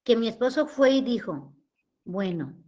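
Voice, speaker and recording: Earnest middle-aged woman, high voice, heartfelt testimony, repeats herself. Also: moderate pace, a bit bright. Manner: earnest, repetitive, speaks to listeners as her children. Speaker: guest sharing a testimony.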